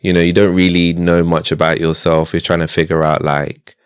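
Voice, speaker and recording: A male podcast host asks open questions in a relaxed, encouraging way, filling pauses with "mm" and checking in with "right?". His voice is very deep and recorded dry and close. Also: smooth, no room sound. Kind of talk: casual interview.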